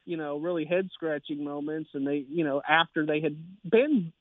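A man, a sports writer guest, talks high school and college football in a rambling way, full of fillers and restarts. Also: normal speed, dry recording. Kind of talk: casual sports talk. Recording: tinny phone line.

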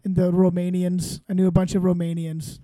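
High-voiced joking podcast guy. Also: completely flat delivery, brisk, mellow. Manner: joking, profane, rambling. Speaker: podcast co-host. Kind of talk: casual podcast banter.

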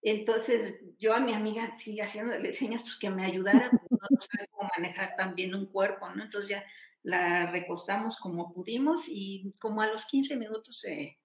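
Woman, mid-pitched, casual storyteller who acts out quoted dialogue, recorded in a roomy, echoey space. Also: moderate pace. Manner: lively retelling with acted-out quoted dialogue and frequent restarts. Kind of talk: casual spoken storytelling in a live chat. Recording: echoey room.

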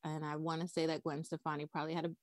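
A woman's voice: low voice, little pitch movement, rapid-fire, no room sound. A woman from the Bahamas, a wedding cake designer, chatting upbeat as a podcast guest. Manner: upbeat, chatty, frequent laughs and "like".

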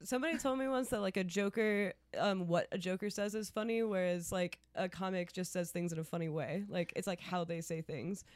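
A woman's voice: on the low side, a little fast, hardly any pauses, no echo. Casual woman in a dry-sounding room. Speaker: podcast guest, amateur comedian. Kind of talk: casual chat.

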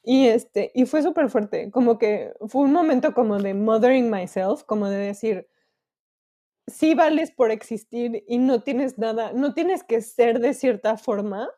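A Mexican woman in her thirties co-hosts a podcast, chatting candidly and emotionally in a casual way and swearing freely. Her voice is a little high with a dark tone.

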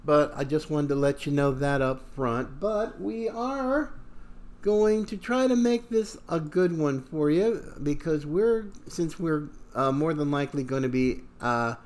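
Slow-paced, slightly high-voiced man hosting a podcast. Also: lively intonation, darkish tone. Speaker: podcast host. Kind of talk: conversational podcast monologue.

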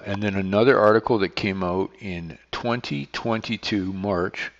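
An older man hosting his podcast in a rambling, self-correcting way, his voice carrying a heavy echo like a canyon. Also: fairly low pitch. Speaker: podcast host and beekeeper. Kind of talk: casual solo podcast talk. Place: unfamiliar studio room. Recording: long echoing reverb, dull lo-fi sound.

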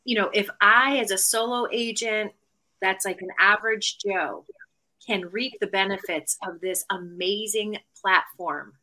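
A middle-aged woman talks as a guest on a podcast interview. Her voice is bright and forward, with a middle pitch. She is chatty and rambles through stories with frequent fillers and restarts. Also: unhurried, low-quality recording. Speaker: guest real estate agent.

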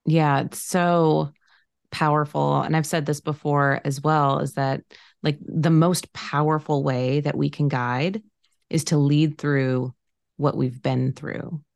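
A woman in her late thirties, a podcast host, talking in a casual, affirming way, slowly drawing out her phrases with fillers. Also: low voice, fairly even intonation, creaky, darkish tone, dry recording, clean studio sound. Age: late 30s. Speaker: podcast host, financial planner. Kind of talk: casual conversation.

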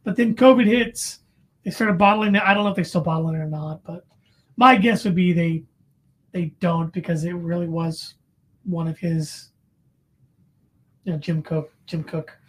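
Husky-voiced podcast co-host rambling over beers. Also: mid-range voice, fairly even intonation, moderate pace, pauses often. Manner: rambling, anecdotal, self-correcting. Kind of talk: casual chat over beers.

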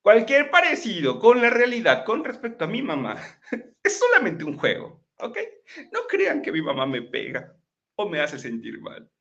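A man's voice: high-pitched, wildly swooping pitch, normal speed, fairly bright tone, dull audio. A man giving a chatty live-streamed motivational talk, often checking in with his listeners. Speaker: motivational speaker. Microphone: laptop microphone.

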